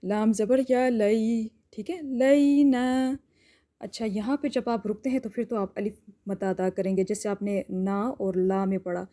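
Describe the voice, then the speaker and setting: A woman teaching Quran recitation rules. She explains each rule patiently and step by step, often checks in with "theek hai?", and stretches out words slowly to demonstrate. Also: mid-range voice, fairly even intonation, warm tone. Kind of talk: tajweed lesson with slow drawn-out demonstrations.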